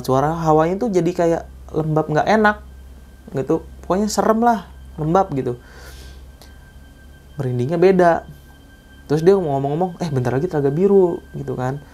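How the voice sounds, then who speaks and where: A man's voice: mid-range voice, mellow. A young man, casually telling a true spooky hiking story and acting out the quoted dialogue in slang.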